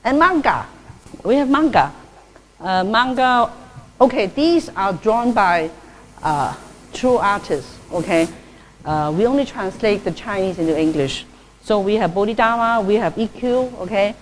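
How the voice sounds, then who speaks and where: With lively intonation and an unhurried, medium-pitched voice, a chatty Buddhist nun whose first language is Cantonese delivers an informal dharma talk in a friendly lilt. She frequently asks "okay?" and laughs easily, and she also directs publications. The recording quality is low.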